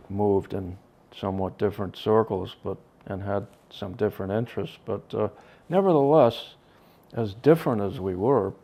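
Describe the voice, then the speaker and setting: An older man speaks in a slow, unhurried drawl with a gravelly edge. His tone is dark and low, and he pauses often, trailing off softly between thoughts as he recalls the past in an interview. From Connecticut. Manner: slow, halting, many ums and trailing soft phrases. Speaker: drummer interviewed about his band. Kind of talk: reflective interview answers.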